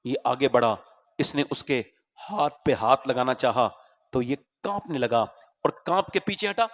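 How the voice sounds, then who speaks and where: A male preacher giving an impassioned sermon at a religious gathering, telling stories dramatically. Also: medium pitch.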